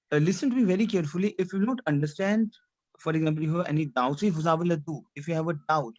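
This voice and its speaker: A French teacher leading an online class in English peppered with French phrases, often repeating words and asking whether everything is clear. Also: mid-range voice, darkish tone. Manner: repeats phrases, checks understanding with "C'est clair? D'accord?"; mixes English with French phrases and a little Hindi.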